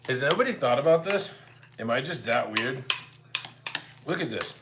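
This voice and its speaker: A man streaming live while he cooks in his home kitchen chats casually with viewers, thinking aloud as he works. His medium-pitched voice is animated at a normal speed, with clattering dishes and cutlery clearly heard in the background.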